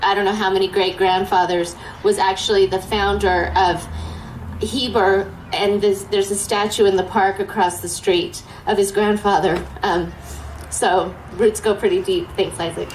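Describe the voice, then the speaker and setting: A woman's voice: medium pitch, level tone, normal speed. A woman gives an informal ceremonial speech as an event speaker introducing others. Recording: echoey, faint ambient noise.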